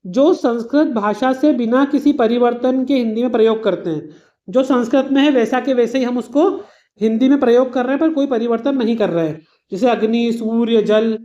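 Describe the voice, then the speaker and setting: Woman, teacher, exam revision lesson, patient explanations, everyday examples, mellow tone. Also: fairly high pitch, brisk, muffled recording. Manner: explains patiently with simple everyday examples, addresses students as "beta".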